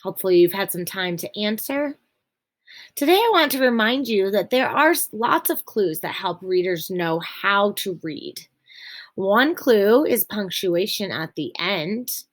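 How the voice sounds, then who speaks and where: A young woman teacher walks children through a reading lesson, patient and clear in her explanations. She slows down to make each point and reads passages aloud with plenty of expression. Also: mid-range voice, animated.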